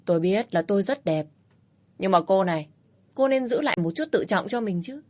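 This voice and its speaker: A woman's voice: mid-range voice, lively intonation, brisk, a little mellow, close to an everyday voice. A woman voicing a cocky, teasing young man with a brusque, mocking way of talking, in a storybook reading.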